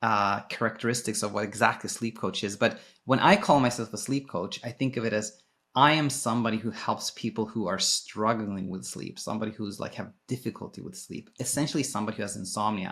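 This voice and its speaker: He has a lowish, fairly bright voice and a brisk delivery. The speaker is a Swedish sleep coach and former sleep physician on a podcast, answering questions informally, explaining and rephrasing as he goes.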